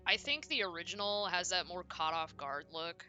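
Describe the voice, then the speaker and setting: A woman's voice: fairly low pitch, lively intonation, normal speed, bright, forceful tone, lo-fi sound, faint music behind. A woman streaming a horror game, chatting casually and reacting aloud as she plays, self-deprecating and talkative. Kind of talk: casual gameplay commentary.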